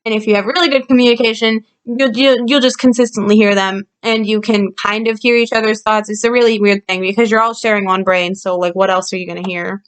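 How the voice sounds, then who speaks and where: A woman reading a story aloud and commenting on it in a calm, explanatory way, with frequent fillers, recorded on a computer's built-in mic. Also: mid-range voice, a little fast, hardly any pauses, smooth. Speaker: channel host reviewing a story. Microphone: built-in computer microphone.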